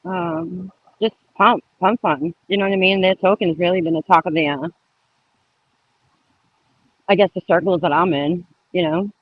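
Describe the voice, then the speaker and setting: A man's voice: sits high, fairly even intonation, moderate pace, pauses often, a little hiss or hum. A man giving short, easygoing replies in a casual crypto chat. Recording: dull lo-fi audio.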